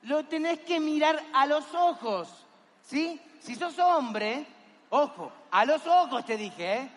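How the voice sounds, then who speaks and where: A man's voice: extremely high pitch, lively intonation, slow, fairly bright tone, long reverb tail. A man giving a motivational talk in an auditorium, coaxing and exhorting the audience with energy. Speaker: motivational seminar speaker.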